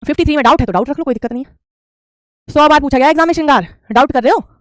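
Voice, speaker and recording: A woman's voice: high-pitched, racing, dry recording, clean studio sound. A woman, teaching Hindi spelling in an online class, repeating each word and calling students beta. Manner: repetitive drilling, calls students beta.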